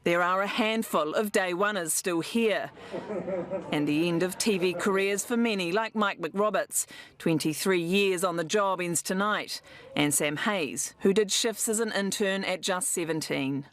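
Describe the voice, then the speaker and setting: A woman's voice: lowish voice, measured pace. A woman with a New Zealand accent narrating a scripted television news report.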